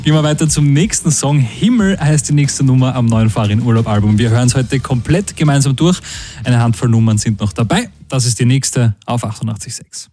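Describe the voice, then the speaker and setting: A man's voice: mid-range voice, brisk. A man co-hosting a radio show, chatting casually about songs with a self-mocking humor. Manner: self-deprecating, lively. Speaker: radio co-host. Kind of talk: casual chat and song introductions.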